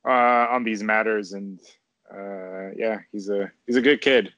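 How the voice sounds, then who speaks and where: Male guest, lowish pitch, dry sound, hesitant and loose, lots of filler words. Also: fairly even intonation, a little slow, fairly bright tone, dry recording, lo-fi sound. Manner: hesitant, full of fillers and restarts. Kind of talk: casual conversation.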